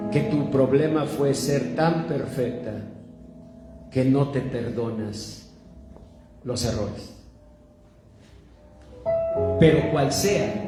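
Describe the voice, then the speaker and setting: A man with a Mexican accent preaching a sermon, telling a story slowly with acted-out dialogue. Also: mid-range voice, darkish tone. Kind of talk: sermon with humorous anecdote. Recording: long echoing hall reverb.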